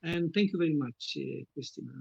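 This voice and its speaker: A man with a Romanian accent making unscripted formal remarks as a union representative, haltingly searching for his words. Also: on the high side, creaky, darkish tone, breathy edge, no room sound, muffled recording. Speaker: seafarers' union representative, speaker.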